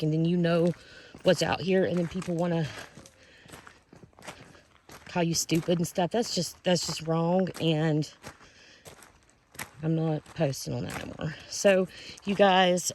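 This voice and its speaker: A woman giving a casual, folksy walking vlog, talking to viewers in a halting, rambling way. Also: fairly low pitch, darkish tone. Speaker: vlogger and outdoor guide. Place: outdoors on a rural field and hollow trail. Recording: outdoor handheld recording with faint noise.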